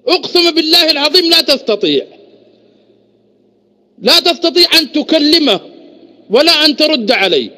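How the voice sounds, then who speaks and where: A combative man debating in an online voice room. His voice sits very high and cuts through bright and sharp. He taunts and hammers the same challenge again and again, his pitch swinging all over. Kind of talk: heated religious debate.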